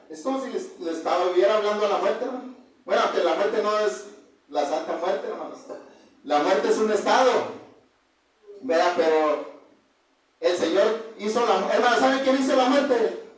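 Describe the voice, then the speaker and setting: A male preacher giving a conversational sermon, who keeps asking the congregation questions and addressing them as brothers. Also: sits high. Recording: very echoey room heard from a distance.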